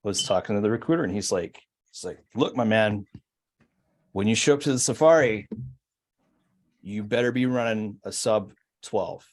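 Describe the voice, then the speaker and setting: A man's voice: on the low side, normal speed. A man in his forties, a podcast guest, telling his story in a reflective, hesitant way with many fillers. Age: 40s. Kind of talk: casual storytelling.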